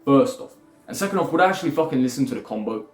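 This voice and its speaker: Talking very fast and expressively in a mid-range voice, a young man lays out a blunt, rambling self-improvement lecture full of swearing. He's recorded in an echoey room with faint music.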